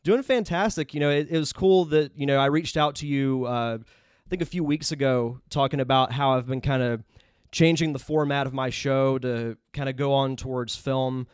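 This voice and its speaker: A man's voice: mid-range voice, moderate pace, clean tone, no room sound, studio quality. A man hosting a podcast while fighting a cold, his voice stuffy and a little nasal, chatting upbeat with plenty of fillers. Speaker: podcast host. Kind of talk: casual podcast interview.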